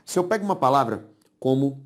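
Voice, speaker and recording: With a Brazilian Portuguese accent and a medium-pitched voice full of lively intonation, a man teaches grammar rules in a classroom lecture. He speaks slowly, keeps repeating key words, and often checks that students follow.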